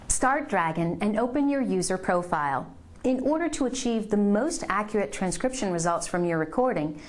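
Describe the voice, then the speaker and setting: Presenting a product tutorial, a woman with a medium-pitched voice reads scripted instructional narration. She moves through it in a measured, step-by-step way.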